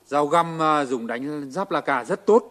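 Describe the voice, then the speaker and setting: Brief: a hearty militia leader, joking then commanding, a bit high. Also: male voice, lively intonation, a little slow, a bit bright. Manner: hearty, joking storyteller, gives orders. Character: jovial male militia leader telling stories. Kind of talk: radio drama acting.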